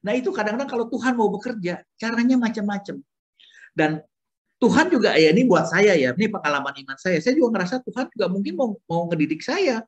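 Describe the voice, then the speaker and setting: A man sharing a personal faith testimony with his Bible study group over a video call, telling it in an animated way and acting out the dialogue. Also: sits high, quick pace, slightly rough, muffled recording. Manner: animated storytelling, acts out dialogue.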